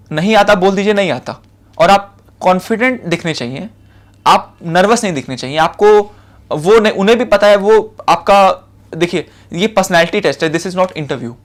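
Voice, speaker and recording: A young man with an Indian accent, giving a spoken lecture of interview advice in a casual, conversational way, with fillers and repeated short points. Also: sits high. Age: young adult. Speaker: civil services officer giving interview advice.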